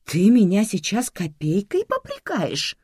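A reader voicing an indignant, self-absorbed middle-aged mother who exclaims loudly in a dry, close recording. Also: on the low side, big pitch swings, normal speed, husky, no echo. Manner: loud, exclaiming.

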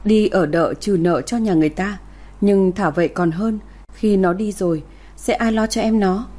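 A woman narrating a tearful folk tale in a steady, plaintive storytelling voice. Her tone is mellow and soft-edged rather than bright. She sits in the middle of the female pitch range. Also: moderate pace.

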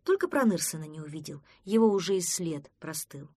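A woman reading a children's storybook aloud with expressive storytelling. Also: deep voice, brisk, slightly rough, no echo, clean studio sound. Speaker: narrator.

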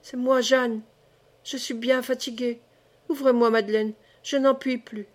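A woman voicing an exhausted peasant mother who pleads softly for shelter, in a storybook reading. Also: on the high side, fairly even intonation, measured pace. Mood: pleading. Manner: hushed, weary pleading.

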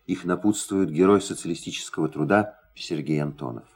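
A man's voice: deep voice, fairly quick, husky. A man reads scripted documentary narration in a solemn, declamatory way.

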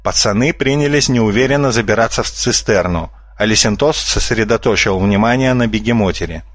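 A man reading a humorous children's storybook aloud as narrator in an even, storytelling manner. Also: on the low side, a little fast, no room sound, studio quality. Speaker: audiobook narrator. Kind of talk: scripted narration.

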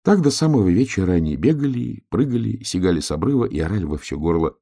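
A man narrating a children's storybook in an expressive, varied delivery. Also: fairly low pitch, fast, creaky. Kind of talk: storybook reading.

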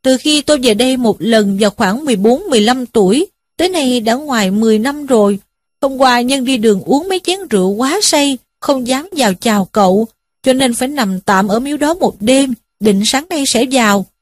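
A woman's voice: fairly high pitch, lively intonation, a little fast, no room sound, studio quality. A woman voicing a burly young man caught as a thief, pleading in a raised, wailing voice.

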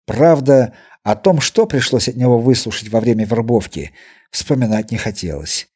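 A man narrating an adventure audiobook with expressive storytelling. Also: mid-range voice, moderate pace, husky. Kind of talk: scripted narration.

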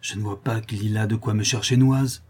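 A man's voice: fairly low pitch, fairly even intonation, a little fast, darkish tone, husky. A man reading a storybook, voicing a proud, defiant young woman of twenty-five with a haughty, cutting manner.

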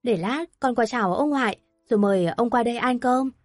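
A woman voicing a cheerful young woman coming home to her family in an audio story, chirpy and quick. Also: a little high, darkish tone, no echo, clean studio sound, faint music behind, close to an everyday voice.

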